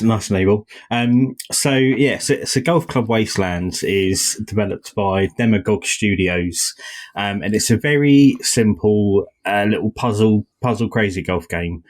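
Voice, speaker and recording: A man's voice: on the low side, normal speed. A man, co-hosting a casual podcast and reviewing an indie game in a jokey, rambling way with many fillers. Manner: jokey, playful, lots of fillers and restarts.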